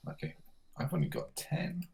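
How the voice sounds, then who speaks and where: A man's voice: normal speed, a little mellow. A man talking casually as a player in a tabletop roleplaying game.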